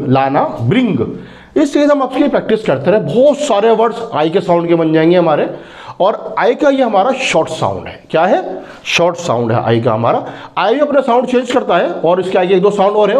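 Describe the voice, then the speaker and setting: A man teaching English phonics, drawing out each word slowly and answering his own questions as he goes. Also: high voice, a little mellow. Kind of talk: phonics lesson.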